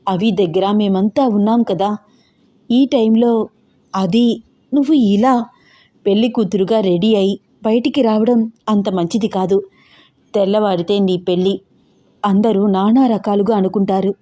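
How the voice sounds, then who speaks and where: A woman voicing a calm, cautious young female friend who talks casually and soothingly. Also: medium pitch, unhurried, pauses often, natural voice.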